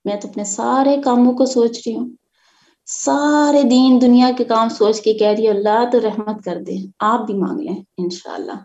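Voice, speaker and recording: A woman leads an online recitation lesson at an unhurried pace, repeating sounds and quizzing her students. Her voice is fairly high and mellow. The audio is dull and lo-fi, as in an online class. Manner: slow, patient, repeats syllables, asks students questions. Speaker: Quran recitation teacher.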